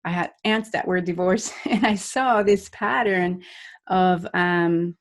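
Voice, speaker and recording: Her voice on the low side and her pace slow, a life coach from Puerto Rico appears as a podcast guest. She comes across as earnest and reflective, frequently restarting and laughing as she talks in the interview.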